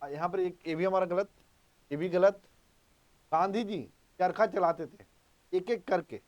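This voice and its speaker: Male exam-prep tutor, high voice, drills points with repetition and quick questions. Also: darkish tone, highs cut off. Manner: emphatic, repeats key points, quizzes students. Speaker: teacher. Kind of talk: exam-prep grammar lesson.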